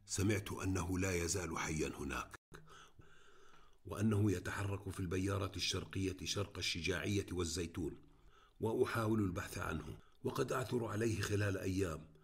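A man doing a calm, whispering fighter. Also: low voice, a little fast, vocal fry, breathy edge, full character voice. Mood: earnest. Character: tall, strong male resistance fighter, calm.

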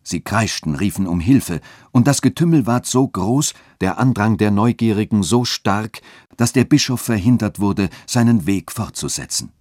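A man narrating a literary story for radio in a steady, formal delivery. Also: on the low side, moderate pace, no room sound, clean studio sound.

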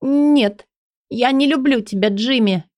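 A woman's voice: takes it slowly, a little mellow, dry recording, clean studio sound. Woman reading as a tearful pleading young woman. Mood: tearful denial. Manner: high, breathless, pleading.

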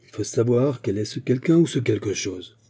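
A man voicing a calm, grave older male officer who speaks in a measured way. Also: medium pitch, husky.

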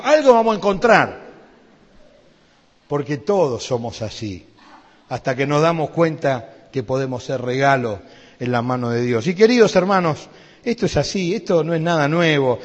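A middle-aged man with an Argentine Rioplatense accent preaches a sermon, weaving a personal story with acted-out dialogue and building fervor. His voice sits fairly high for a man, and it rings through a big hall with a long reverb. The sound is dull and muffled. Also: a little mellow. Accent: Argentine Rioplatense Spanish. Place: church hall.

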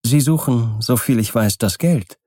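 A man voicing a mysterious, polite male visitor who seems not of this world, speaking in a courteous, quietly stern way. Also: medium pitch, unhurried, dry recording, studio quality, natural voice. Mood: calm courteous.

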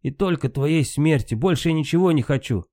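Brief: male reader as heated valkyrie queen in a storybook, lifted pitch, mellow tone. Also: a little fast, no room sound, clean studio sound, natural voice. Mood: furious. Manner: raised, impassioned delivery. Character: proud grieving valkyrie queen, a woman.

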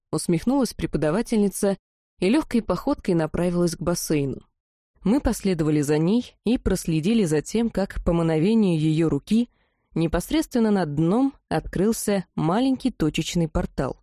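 A woman narrating a first-person fantasy audiobook in a lively, amused storytelling manner. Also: medium pitch, no room sound, clean studio sound.

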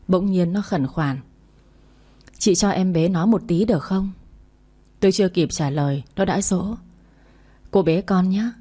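Low, mellow-voiced woman telling a story. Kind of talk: first-person story narration.

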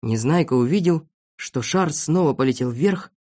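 A narrator reading a children's story aloud with lively, expressive storytelling. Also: mid-range voice, moderate pace.

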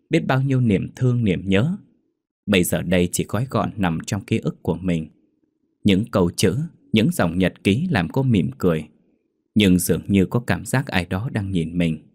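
A man narrating a horror story in a steady, measured storytelling voice. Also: deep voice, no room sound.

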